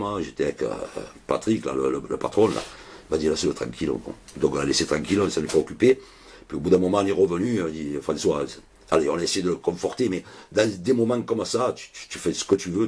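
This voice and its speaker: A man's voice: deep voice, fast talker, a little mellow, breathy edge. A man telling a rambling, chatty story to camera in a casual vlog, full of swearing and asides. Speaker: vlogger.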